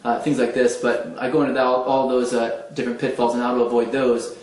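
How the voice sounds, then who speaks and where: A man's voice: medium pitch, flat delivery, quick pace, a little mellow. A man giving dating advice in a casual instructional talk, explaining step by step and acting out gestures as he goes. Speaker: dating coach. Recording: roomy echo, faint background ambience.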